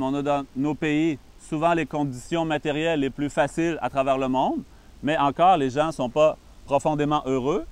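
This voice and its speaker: This is a calm, patient beginner's talk on meditation from a Buddhist monk, a Canadian man whose accent is Québécois French, and he pauses frequently. He speaks a little high, with a clean tone.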